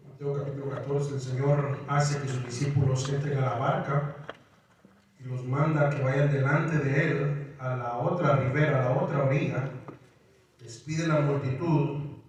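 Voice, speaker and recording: A man preaching a sermon to his congregation, animated, raising his voice as he acts out scripture. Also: medium pitch, slight background noise. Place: church sanctuary. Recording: echoey church hall, mic at a distance.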